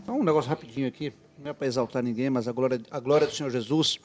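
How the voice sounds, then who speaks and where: A man's voice: medium pitch, racing. A man talking casually and eagerly with a friend about their time together. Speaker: singer and guest. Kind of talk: casual chat.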